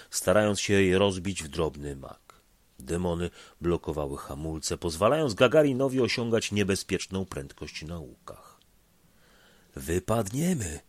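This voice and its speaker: A man reading a dramatic story aloud, swinging between loud passages and hushed ones. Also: deep voice, normal speed, dry recording. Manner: expressive, shifts between loud and hushed delivery. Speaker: narrator.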